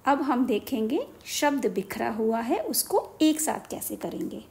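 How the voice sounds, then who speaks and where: A woman's voice: fairly high pitch, very animated, creaky, darkish tone, a little hiss or hum. A woman teaching young children a basic lesson, speaking patiently and repeating each word so they can follow. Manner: slow, patient, repeats words for young learners.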